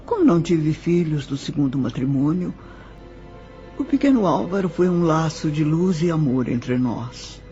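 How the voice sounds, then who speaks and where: Reminiscing as a sorrowful nineteenth-century widow, a Brazilian-accented man recounts her life with slow, measured formality in a scripted audio drama monologue. His voice is fairly high, expressive, dark and natural. Background music plays under the slightly muffled recording.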